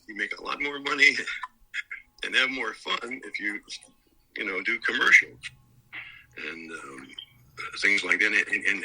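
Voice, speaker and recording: Older guy with a gravelly, husky voice telling stories in an interview, low-ish and really bright. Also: low-quality recording. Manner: chatty storyteller, slips into character voices. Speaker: voice actor guest. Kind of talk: casual interview.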